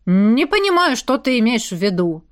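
A woman's voice: fairly high pitch, sing-song, normal speed. A woman voicing a nervous, scheming young man, the red-haired younger brother, who stammers and whines defensively. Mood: defensive, whining.

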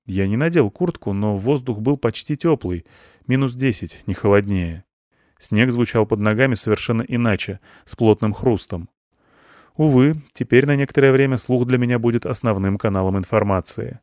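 A man calmly narrating a first-person story in a matter-of-fact way. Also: mid-range voice, moderate pace, dry recording, studio quality. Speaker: audiobook narrator.

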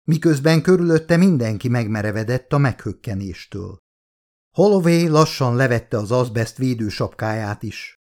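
A man reading his own novel aloud as an audiobook, in a steady, measured way. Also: mid-range voice. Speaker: author reading own book. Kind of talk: audiobook narration.

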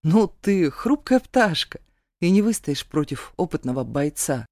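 A woman reading an audiobook, voicing a stern, protective young male warrior with a low, gruff growl and curt, firm refusals. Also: lively intonation, unhurried, darkish tone, no room sound, studio quality. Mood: teasing. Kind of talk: audiobook character voice.

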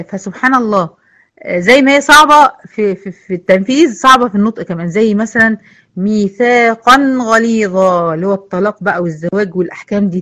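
Bright-voiced Egyptian woman teaching Quran recitation. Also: mid-range voice. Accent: Egyptian Arabic. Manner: patient, repeats words and models slow recitation. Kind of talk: online tajweed lesson.

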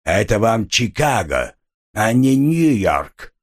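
A man voicing a huge, gruff city policeman who scolds loudly and with heavy emphasis. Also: on the low side, very animated, slow, exaggerated voice. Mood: softening. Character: huge gruff male Chicago policeman, bellowing.

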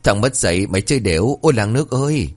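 A man's voice: on the low side, animated, quick pace, darkish tone, dry recording. A man voicing a young female ghost who whines and pleads pitifully. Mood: shrieking. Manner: whiny, pleading.

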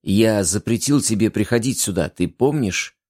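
A man playing a weary grown man who answers slowly and sullenly. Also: fairly low pitch, animated, darkish tone, no echo, clean studio sound. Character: weary grown man, town protector, calm lover.

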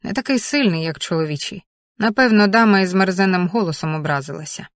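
A woman's voice: on the low side, quick pace, no echo, clean studio sound. A woman reading a first-person story aloud as an audiobook narrator, in a tense, vivid present-tense manner.

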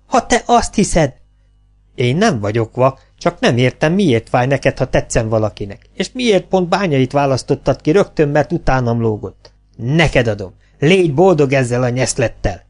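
A man voicing a hot-tempered young cabaret actress, shrill and indignant, reading a storybook novel aloud. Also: lively intonation, darkish tone, faint music behind, close to an everyday voice. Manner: shrill, indignant, quick to take offence.

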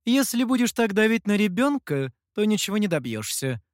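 In an audiobook, a reader voices a sly, teasing female fox demoness, mocking and playful, using a medium pitch with big pitch swings at a moderate pace. The voice is pitched above the performer's own but stays close to an everyday voice. The sound is clean studio audio with no room sound.

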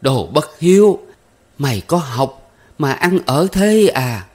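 Shrill, furious old mother barking at her son from an audiobook novel, as a man reads her, voice pushed up high and loud, harsh and biting in every word. she sounds a bit distant from the mic. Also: very animated, slow pace, exaggerated voice. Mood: scolding.

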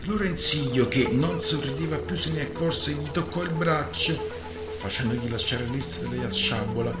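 A man's voice: medium pitch, normal speed. Man reading a novel with music. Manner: theatrical narration. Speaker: radio reader. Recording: roomy with music behind.

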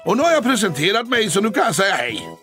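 A man's voice: high-pitched, big pitch swings, music in the background, voice pushed up. A man voicing a cheerful young male cat who is a ski champion, chatty and upbeat. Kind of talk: audiobook character voice.

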